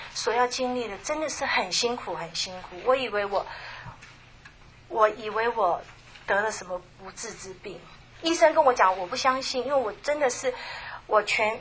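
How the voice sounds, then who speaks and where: Soft, halting middle-aged woman testifying. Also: medium pitch, a little hiss or hum. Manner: halting and soft, with many restarts and trailing phrases. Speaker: church member giving a testimony. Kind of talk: personal faith testimony.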